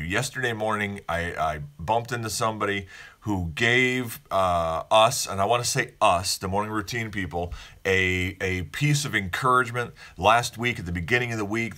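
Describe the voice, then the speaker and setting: A man's voice: lowish voice, bright, forceful tone. A man hosting a casual morning show, talking in a rambling, upbeat way with many restarts and fillers. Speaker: host of a daily morning show.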